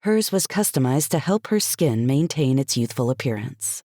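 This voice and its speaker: A woman reading a first-person cozy mystery audiobook as an expressive, light storytelling narrator. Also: a bass voice, normal speed, no echo, studio quality.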